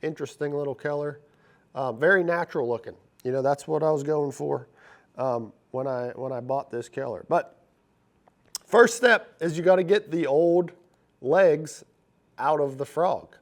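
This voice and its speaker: Raspy, congested fishing vlog host. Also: male voice, fairly high pitch, normal speed. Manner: upbeat, chatty, talks straight to viewers. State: stuffed up and congested. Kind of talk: casual instructional vlog.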